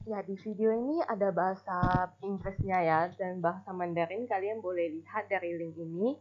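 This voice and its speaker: A woman teaching a recorded Mandarin class, explaining slowly and modeling examples aloud. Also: lowish voice. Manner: slow, deliberate explanations with spoken examples. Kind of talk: recorded online class lesson. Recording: dull lo-fi recording.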